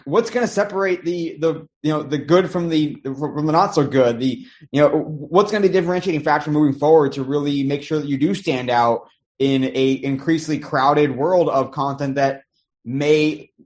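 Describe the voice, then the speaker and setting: Enthusiastic podcast host, a man. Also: a little high. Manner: enthusiastic, rambling questions with many fillers. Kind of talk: casual interview chat.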